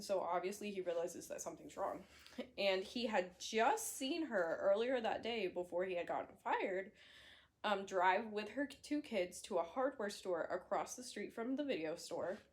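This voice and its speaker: Young woman retelling a horror story, chatty, lots of likes and ums, swears a bit, mid pitch. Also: lively intonation, normal speed. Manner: chatty, fillers, self-corrections, blunt swearing. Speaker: book reviewer. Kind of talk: casual book recap.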